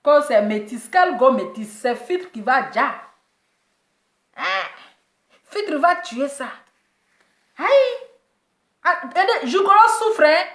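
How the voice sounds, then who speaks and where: A high-pitched woman, delivering teasing gossip commentary. She mocks, repeats her jokes and laughs a lot. She sounds like she is in a roomy, echoey space. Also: fairly bright tone. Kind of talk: mocking celebrity commentary.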